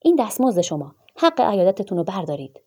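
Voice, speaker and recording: Storybook: woman plays a hot-headed wealthy gentleman, indignant, shouting, mellow voice. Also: medium pitch, big pitch swings, slightly rough.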